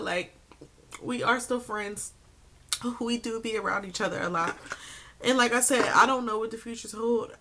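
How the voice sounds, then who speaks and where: A woman's voice: on the high side, a bit bright. A young woman giving a casual life update on her vlog, chatty and full of "like"s, tearful at times. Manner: chatty, filler-heavy talk with many "like"s. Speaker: vlogger.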